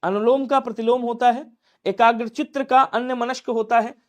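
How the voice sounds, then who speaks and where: A man leads an exam-prep grammar lesson. His voice sits fairly high, and he drills question after question. He answers each one himself in his students' voices. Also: fairly even intonation. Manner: drills quickly, urging speed. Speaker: Hindi teacher.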